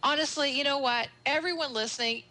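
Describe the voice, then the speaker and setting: Canadian woman, late 40s, radio host, bright and enthusiastic, higher voice. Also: brisk. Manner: upbeat, enthusiastic chatter. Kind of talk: casual radio interview.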